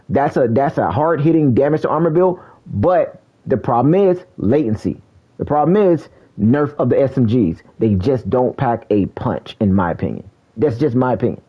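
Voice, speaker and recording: A man's voice: breathy edge, lo-fi sound. A man streaming a game, chatting casually and calling out enemies, heard through a poor-quality stream mic. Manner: slangy, calls out enemies, says "bro" a lot. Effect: low quality stream audio, bad mic. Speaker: gaming streamer. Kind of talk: casual live gameplay commentary.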